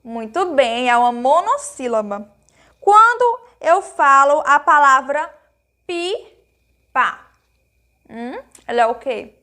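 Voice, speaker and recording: High-voiced Brazilian woman teaching children. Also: big pitch swings, slow pace, long pauses, sharp tone. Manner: patient, explains step by step, asks pupils questions and answers them herself; affectionate, uses diminutives. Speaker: primary school teacher. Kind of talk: recorded grammar lesson for young children.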